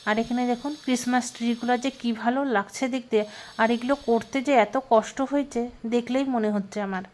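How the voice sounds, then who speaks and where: A young woman chatting casually in a home vlog, sometimes speaking softly. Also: on the high side, fairly even intonation, fast, a little hiss or hum. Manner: chatty, talks softly at times. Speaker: vlogger.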